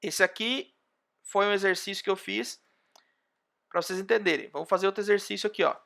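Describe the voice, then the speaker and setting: A man's voice: high-pitched, a little fast, gravelly, pushed and bright. A man with a Brazilian accent teaching an online university class, working through an example step by step. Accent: Brazilian Portuguese. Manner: explains step by step, often pointing with "ó". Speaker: university lecturer.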